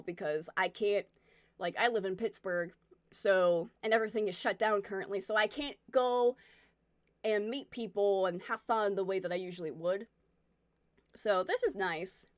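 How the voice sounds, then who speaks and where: A woman's voice: mid-range voice, dry recording. Candid woman in her twenties, dry close sound. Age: 20s. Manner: candid, rambling, self-reflective. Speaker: streamer chatting with viewers. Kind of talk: casual chat reading viewer comments.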